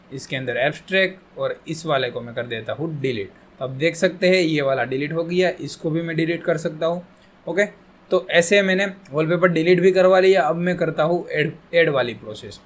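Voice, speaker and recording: A man teaching a coding tutorial, explaining step by step in a casual, reassuring way and asking and answering his own questions. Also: fairly high pitch. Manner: reassuring, casual, repeats "theek hai". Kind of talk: screen-recorded coding tutorial.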